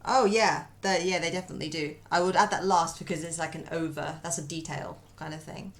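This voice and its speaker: Gravelly-voiced woman chatting as she draws. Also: lowish voice, a little fast. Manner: chatty, muttering to herself, answering chat. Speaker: streamer. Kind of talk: casual chat while drawing on stream.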